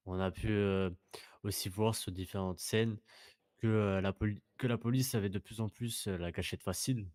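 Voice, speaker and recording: A man hosting a role-play news interview, asking polite questions in a hesitant, halting way. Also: lowish voice, fairly even intonation, darkish tone, dry recording. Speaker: interviewer, host.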